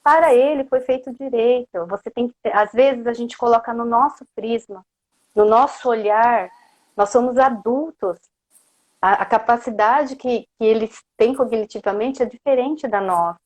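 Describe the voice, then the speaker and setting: Speaking at a moderate pace, this woman has a voice on the high side with a darkish tone. She's a Brazilian coach delivering a motivational talk about parenting, peppering it with questions to the audience and frequent "né?" tags.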